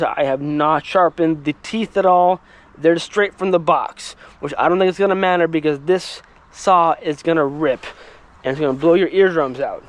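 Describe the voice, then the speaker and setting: Chatty man with a higher voice. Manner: chatty, rambling asides. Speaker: firewood channel host. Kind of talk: casual equipment demo vlog. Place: outdoors in a yard with logs.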